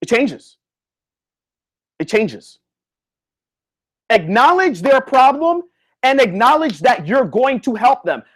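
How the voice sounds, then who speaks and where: A man who is a physical therapist, giving a live online lecture in a slangy, animated way, talking straight to his listeners. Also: extremely high pitch, slow pace, long pauses. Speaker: physical therapist coaching students.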